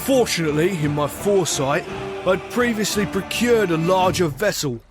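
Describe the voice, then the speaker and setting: A man's voice: high-pitched, animated, moderate pace, music in the background. An actor playing a hearty, boastful pirate captain who tells his sea tales in salty pirate dialect. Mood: storytelling. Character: bearded male pirate captain, hearty, boastful, wistful narrator. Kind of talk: scripted pirate adventure narration.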